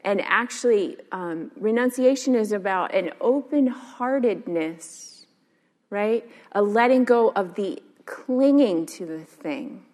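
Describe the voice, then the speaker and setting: A woman's voice: mid-range voice, lively intonation, slow, a little mellow. Chatty woman meditation teacher in a hall. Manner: casual, chatty, many fillers. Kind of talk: dharma talk. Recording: long hall reverb.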